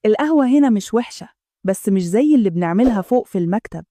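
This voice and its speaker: Woman voicing a calm manager guy in his late 30s, quiet, gentle, kinda fast, mellow. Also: medium pitch, no room sound, lightly acted.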